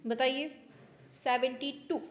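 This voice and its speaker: A woman teacher running a quick quiz lesson, brisk and teasing, scolding her students in mock anger as if they were children. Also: high voice, fairly even intonation. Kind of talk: online exam-prep quiz lesson.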